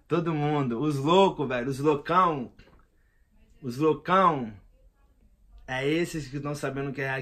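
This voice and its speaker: Vlogging in a slangy, emphatic monologue that rambles on, a thirties-aged man speaks with a Brazilian Portuguese accent. The voice sits a little high and has a fairly bright tone.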